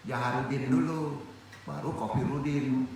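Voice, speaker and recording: A man's voice: medium pitch, a little slow, a little mellow, slight background noise. A man from Indonesia teaching a religious study circle, who asks his listeners questions and then answers them himself. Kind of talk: lively spoken sermon. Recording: echoey room, voice from a distance.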